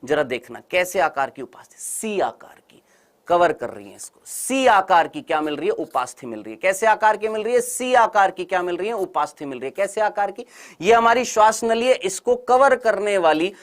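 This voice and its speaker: In this online exam-prep lecture, a man drills students with call-and-response, repeating each question and answer. His high, expressive voice is brisk and teasing as he urges quick answers.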